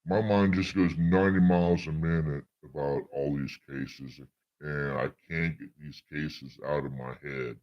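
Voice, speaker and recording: A man talking through a voice changer that drops his voice very deep as he chats on a livestream. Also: steady tone, a little slow, lo-fi sound. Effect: voice changer dropping the voice very deep. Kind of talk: casual livestream chat.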